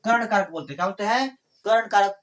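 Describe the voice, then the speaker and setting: A male teacher explains grammar at a steady classroom pace. He repeats words as he goes and poses questions that he then answers himself. Short fillers keep the explanation moving. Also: sits high. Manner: repeats phrases, asks and answers his own questions; fills pauses with "ठीक है" and "आपको".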